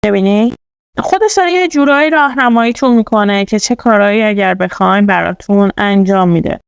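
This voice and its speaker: A woman's voice: mid-range voice, vocal fry, clean tone, no echo. A woman presenting a casual tutorial. She explains things step by step, with many fillers. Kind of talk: casual screen-recorded tutorial.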